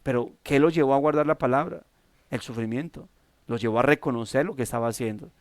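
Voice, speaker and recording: A man with a Colombian accent preaching a devotional sermon, halting with many restarts and fillers. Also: mid-range voice, no echo, clean studio sound. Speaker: pastor.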